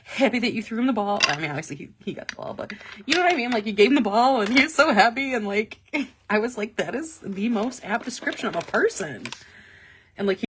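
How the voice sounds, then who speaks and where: A woman hosting a casual live stream, talking excitedly and laughing often, with lots of "like" fillers. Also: a little high, fast, background noise. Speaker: planner stencil shop host. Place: office. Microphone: live-stream webcam mic.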